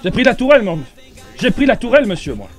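A male game streamer talks over his match with friends, his voice high and swooping all over the place. He is excitable and mock-outraged, with quiet game music playing underneath. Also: fast. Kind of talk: casual gaming stream chat.

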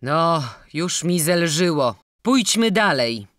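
A woman reading the part of a stern elderly male canon scholar, giving brisk, commanding orders. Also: sits low, sing-song, no room sound, clean studio sound, pitched above the performer's own voice, full character voice. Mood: weary.

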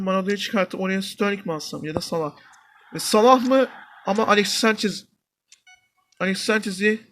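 A young man commentating his own football video game match, shouting and stretching player names as attacks build, muttering low when plays go wrong. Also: a little hiss or hum. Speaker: gaming YouTuber. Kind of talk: excited mobile football gameplay commentary. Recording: faint game music behind.

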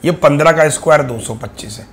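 A man's voice: on the high side, fast, a little hiss or hum. A young man teaching maths for bank exams in an online class, chatty and coaxing his students, often counting items aloud. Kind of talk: online exam-prep class.

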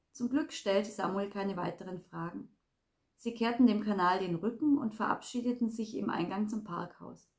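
A woman reading a crime novel aloud in a calm, even narrating voice. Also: medium pitch. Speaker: reader.

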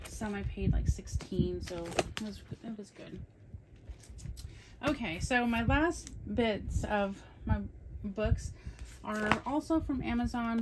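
A woman's voice: mid-range voice, background noise. Chatty woman showing her coloring haul. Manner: chatty, enthusiastic, admits talking fast. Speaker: coloring channel host. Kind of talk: casual haul show-and-tell.

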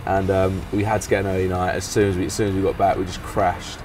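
A young man with a London accent, casually recounting his band's first days in a relaxed, rambling way full of fillers. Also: deep voice, quick pace, recorded from a distance, noisy background. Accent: London English. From England. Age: young adult. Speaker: band member. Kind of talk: casual recap interview. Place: outdoor garden seat in warm sun.

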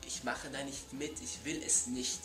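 With a steady tone and an unhurried pace, a medium-pitched young adult man performs an exasperated, emphatic comedy rant for his vlog, repeating himself for effect. He records in his bedroom, where the sound echoes and music plays behind him.

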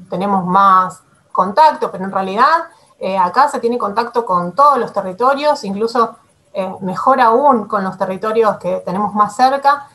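A woman's voice: mid-range voice, a bit bright. Hesitant Rosario-accented woman on a video call. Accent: Rosario Argentine Spanish. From Argentina. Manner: hesitant, many fillers and restarts, laughs often. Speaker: climate activist guest. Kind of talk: casual interview answers. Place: small room at home. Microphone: webcam on a video call.

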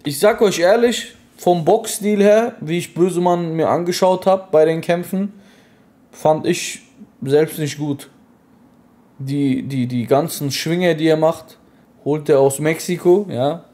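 A man's voice: a little high, dark tone. A man giving opinionated fight commentary in casual, slangy chat.

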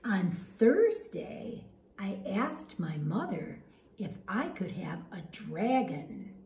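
A woman in her fifties, a teacher, reads a picture book aloud to children in a large open living room at home, where the sound echoes roomily. Her medium-pitched, slightly mellow voice is sing-song and slow, adding dramatic emphasis and questions for the listeners.

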